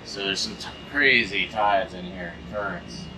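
A man's voice: low voice, measured pace, noisy background. A man narrating casually aboard a sailboat as he skippers it, matter-of-fact and explaining as he goes. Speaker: sailing vlogger and boat skipper. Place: aboard a sailboat on open water, outdoors. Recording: voice with background music. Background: music playing under the voice.

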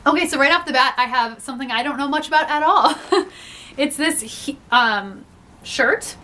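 Sharp, high-pitched, and animated at a moderate pace, this young woman's voice carries a little hiss or hum. A reseller vlogger with a slight cold, she casually and cheerfully shows off thrifted finds indoors in a small room with storage bins, laughing and saying "like" frequently.

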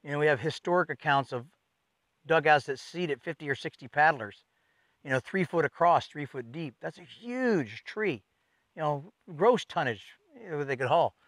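Outdoors in a forest, a man teaches in a folksy, enthusiastic, animated way at a moderate pace. His voice is a little high for a man and fairly bright, and the recording is close and dry with no room sound.

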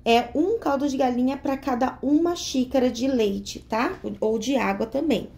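In her home kitchen, a young Brazilian vlogger with a Brazilian Portuguese accent gives a casual cooking tutorial, chatting through each step and frequently checking in with "tá?". She talks at a moderate pace in a high voice with a somewhat dark tone.

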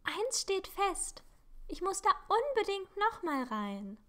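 A woman reading aloud puts on a curious teenage witch girl for a storybook reading, her voice lifted high and eager. She sounds bright and excitable, and turns squeaky when startled. She speaks slowly and with care. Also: exaggerated voice.

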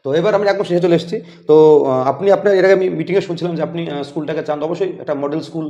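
A man's voice: on the high side, very fast, mellow. Rambling male podcast interviewer. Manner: rambling, many fillers. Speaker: interviewer, teacher. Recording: echoey, dull lo-fi room.

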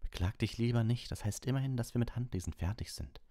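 A man voicing a fed-up teenage schoolboy who talks in a hushed half-whisper in an audiobook. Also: fairly low pitch, lively intonation, fast, creaky, dry recording, studio quality, voice pushed up. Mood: grumbling hush.

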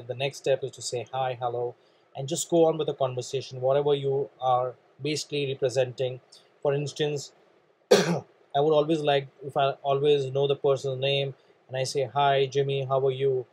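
Speaking at a normal pace in a flat, mid-range voice with a darkish tone, a man from India gives a sincere networking training talk in Indian English. He keeps saying "guys," coughs and clears his throat, and the audio is poor.

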